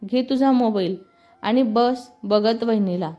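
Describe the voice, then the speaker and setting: A woman's voice: on the high side, slow, highs cut off, soft background music. A woman voicing a cheeky younger sister who teases her brother. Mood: teasing. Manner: teasing, cheeky.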